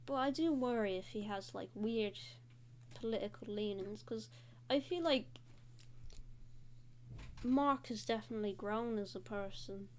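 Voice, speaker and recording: A woman's voice: mid-range voice, measured pace, pauses often, a little hiss or hum. A young woman hosting a casual draw-and-talk video, chatting in a rambling way with frequent fillers. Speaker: host.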